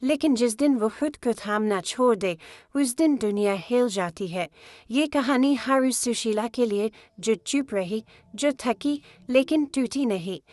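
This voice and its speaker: A woman narrates an animated story slowly and reflectively. Her voice is slightly high, and the recording is close and dry with no room sound. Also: no echo. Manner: reflective, measured.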